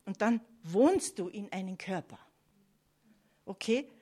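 A woman's voice: medium pitch, animated, slow pace, warm tone, slightly rough. A woman preaching a sermon earnestly, often checking in with her listeners. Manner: earnest, with frequent "ja?" and "Amen" asides to listeners.

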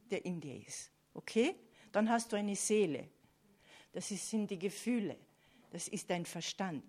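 A woman's voice: a little high, a little mellow. A woman preaching a sermon earnestly, often checking in with her listeners. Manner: earnest, with frequent "ja?" and "Amen" asides to listeners.

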